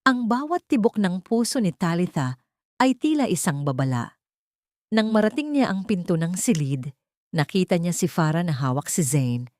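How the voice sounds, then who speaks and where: A woman with a Filipino accent narrates a dramatic scripted story as an audiobook reader. Her voice is on the low side and a little mellow, captured in clean studio sound with no room echo.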